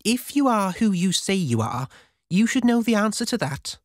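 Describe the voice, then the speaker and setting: A narrator voicing a young woman, a curious orphan rock star, in a skeptical, questioning way with lively intonation. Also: mid-range voice, a little slow, no room sound, studio quality, pitched above the performer's own voice.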